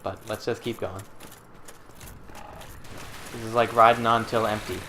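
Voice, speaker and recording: A young man with a fairly low voice, relaxed and dry as he chats over gameplay. He keeps a wry, easygoing tone. Faint background noise runs underneath. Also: measured pace. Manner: laid-back, wry, laughing often. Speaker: let's play co-host. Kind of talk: casual gaming banter.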